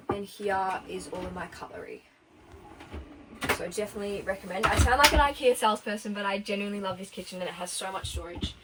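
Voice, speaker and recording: A young woman in her early twenties gives a casual tour of her converted bus, chatty and quick to laugh. Her voice sits at a medium pitch. She is recorded by a camera some distance away, with clear noise behind her. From Australia. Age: early 20s. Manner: chatty, laughs often, recommends things. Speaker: vlogger giving a bus tour. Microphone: camera held by her sister.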